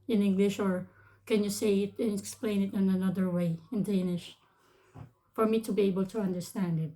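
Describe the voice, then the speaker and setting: Her warm, mid-range voice comes through poor audio as this Filipino-accented vlogger in her thirties, a native Tagalog speaker from the Philippines, shares casual advice hesitantly, restarting often.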